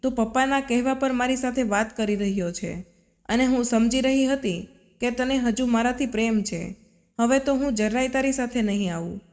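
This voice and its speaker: Lady doing a stubborn young wife in a storybook, sharp and indignant, kinda high, echoey. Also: normal speed, natural voice. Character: headstrong young wife, angry and proud. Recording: long reverb.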